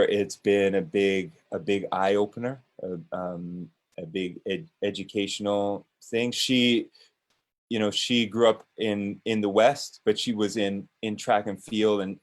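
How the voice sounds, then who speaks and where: A man's voice: on the low side, fairly even intonation, unhurried. A man speaking as a business owner and guest on a panel discussion, hesitant and full of restarts. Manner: hesitant, with many restarts and fillers.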